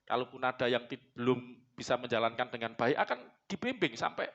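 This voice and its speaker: A man's voice: mid-range voice, animated, brisk, fairly bright tone, muffled recording. A man preaching a sermon to his church congregation, blunt and joking, slipping into phrases. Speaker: pastor.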